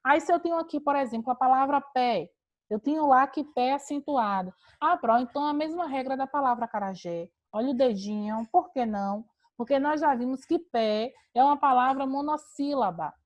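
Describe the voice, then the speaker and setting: Female teacher, online class, slightly high voice, patient step-by-step explaining, video call audio. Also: brisk, highs cut off.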